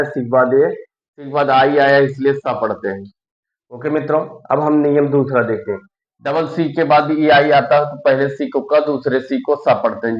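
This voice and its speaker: A man teaching students a lesson, slowly restating each rule twice and spelling words out letter by letter. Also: medium pitch. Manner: slow, repetitive, explains each rule twice. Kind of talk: classroom lesson. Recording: echoey room, dull lo-fi sound.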